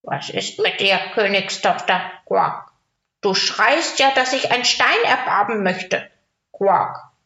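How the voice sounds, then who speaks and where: A woman voicing a croaking male frog from a fairy tale, drawn-out and pleading, croaking between phrases. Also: mid-range voice, sharp tone. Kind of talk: storybook reading. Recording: roomy, dull lo-fi recording.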